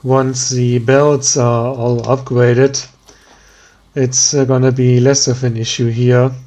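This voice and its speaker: A man with a German accent giving tired, slow let's play commentary, thinking aloud with many pauses and ums. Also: medium pitch, little pitch movement, mellow. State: tired, yawning. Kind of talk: relaxed gameplay commentary.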